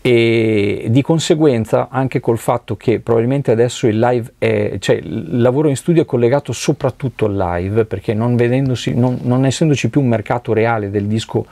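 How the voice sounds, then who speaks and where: A man's voice: mid-range voice, moderate pace, gravelly, hardly any pauses, dark tone, dry recording. A middle-aged man from Italy, a session drummer, talking reflectively in an interview and searching for words as he goes. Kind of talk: relaxed conversational interview. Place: recording studio.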